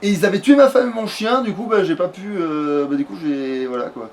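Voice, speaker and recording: Swearing and griping at the game, a man offers laid-back let's play commentary full of banter. He speaks in a high voice, a little fast, on a clearly noisy home recording.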